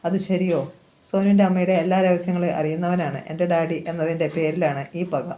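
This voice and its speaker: Novel narrator, steady measured reading, mellow dark voice, mid pitch. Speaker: novel reader.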